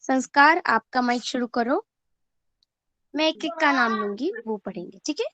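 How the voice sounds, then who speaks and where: A woman's voice: high-pitched, expressive, bright, forceful tone. A woman teacher giving an online class to first graders, sounding out words syllable by syllable and asking the class questions that she answers herself. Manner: slow, clear syllable-by-syllable word drilling.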